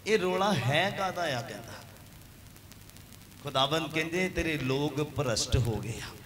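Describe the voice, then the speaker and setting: A pastor with a fairly high male voice preaches a storytelling sermon, quoting scripture figures with a repeated "he says". He swells into loud exhortations and calls to the church. A congregation is clearly heard around him.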